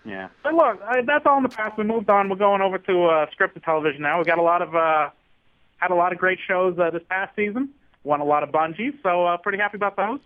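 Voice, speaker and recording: A man's voice: high-pitched, fast, dry recording, phone-quality sound, natural voice. A man voicing a shameless male TV network executive who talks blithely and unapologetically, with frequent uhs. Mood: unbothered. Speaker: comedy podcast guest character.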